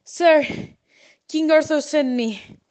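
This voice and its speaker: A woman's voice: high voice, slow pace, darkish tone, voice pushed up. A woman reading aloud, voicing an agitated male royal messenger in a storybook. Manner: urgent, breathless delivery.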